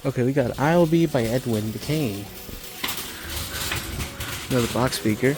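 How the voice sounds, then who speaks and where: A man vlogs from a large home improvement store, phone in hand as he walks, giving casual, halting commentary like an engrossed hobbyist. His voice is mid-range with a darkish tone, and the store's ambient noise is clearly present.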